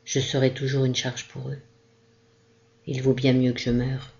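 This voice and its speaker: A small crippled girl, lonely and despairing, as a woman reads her part aloud. The voice is mellow and soft, pleading through a storybook reading. The recording sounds dull and lo-fi. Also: extremely low pitch, monotone, measured pace, vocal fry, exaggerated voice.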